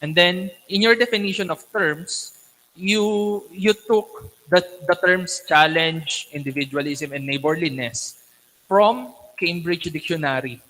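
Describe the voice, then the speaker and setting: A man on a thesis panel, questioning critically in a deliberate, instructive academic manner. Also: high voice, bright, forceful tone. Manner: deliberate, instructive, frequently checking with "okay". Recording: echoey hall with long reverb.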